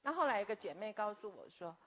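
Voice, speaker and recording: A woman, telling a personal story earnestly and haltingly as a guest. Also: medium pitch, very animated, slightly rough. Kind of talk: personal testimony. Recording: tinny phone-like audio.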